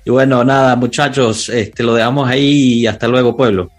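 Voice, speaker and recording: A man's voice: medium pitch, fairly even intonation, moderate pace, soft background music. A man with a Latin American accent hosting a casual sports podcast discussion. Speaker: podcast host.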